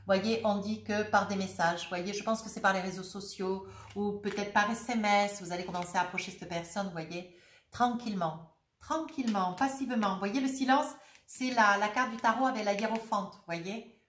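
A chatty, jovial woman reads tarot cards for her viewers while nursing a head cold. She talks casually and peppers every thought with little tags, sitting at a middling pitch. Her voice bounces around a roomy, echoey space. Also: normal speed. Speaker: tarot reader.

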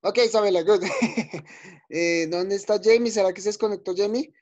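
A male teacher leading an online class for young children. He is patient and encouraging, repeating each word slowly and checking in often. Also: high voice, steady tone, darkish tone. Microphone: video call. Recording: dull lo-fi video call audio.

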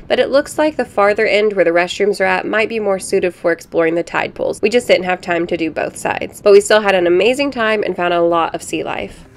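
A woman narrating her coastal road trip as a travel vlogger, calm and informative. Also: lowish voice, slight background noise. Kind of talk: travel vlog voice-over narration.

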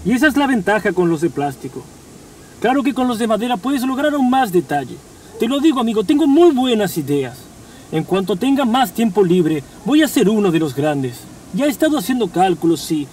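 A man's voice: high-pitched, big pitch swings, fairly quick, a little mellow, far from the mic. An actor playing a weary family-man cop dreaming of retirement, rambling and melodramatic in a buddy-cop parody. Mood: dreamy boasting. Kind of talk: parody of dubbed American buddy-cop show. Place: inside a parked car. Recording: off-mic in car, faint traffic.

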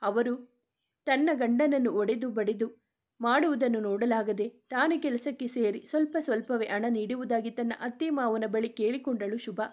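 A woman's voice: a little high, normal speed, darkish tone. Woman narrating a dramatic story.

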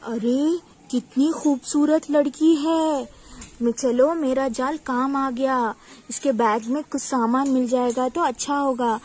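A woman voicing a greedy male bandit in a doll cartoon, loud and gloating, with a cackling laugh. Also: high-pitched, steady tone, takes it slowly, breathy edge, exaggerated voice. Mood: scheming.

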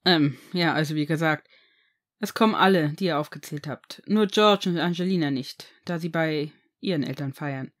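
A woman reading aloud as a calm, stern aristocratic father, speaking in a measured, steady way. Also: deep voice, pitched below the performer's own voice, natural voice. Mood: explaining.

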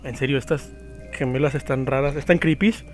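A man's voice: mid-range voice, moderate pace, faint music behind. A man commenting on a game as he plays, blunt and swearing freely. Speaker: gameplay commentator. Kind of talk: let's play commentary.

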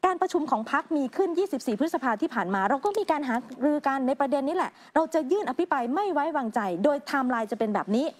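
Fast-talking woman news anchor. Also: sits high, expressive. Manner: chatty, opinionated, adds remarks. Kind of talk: conversational news commentary.

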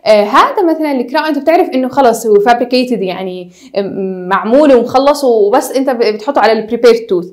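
A young woman gives a casual university lecture, mixing in English technical terms and pausing often on hesitation sounds. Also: fairly high pitch, animated, darkish tone. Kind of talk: recorded lecture.

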